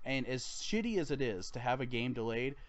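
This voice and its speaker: A man's voice: medium pitch, animated, a little fast. Rambling male podcast host, lo-fi. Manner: rambling, restarts, laughs easily. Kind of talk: casual podcast chat.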